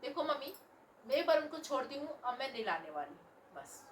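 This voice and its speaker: A woman's voice: sits high, very animated, a little fast, slight background noise. A woman playing a selfish young married daughter who whines and argues back at her mother in a home family drama. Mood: petulant defiant. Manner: petulant, whining, dismissive. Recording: roomy echo, voice from a distance.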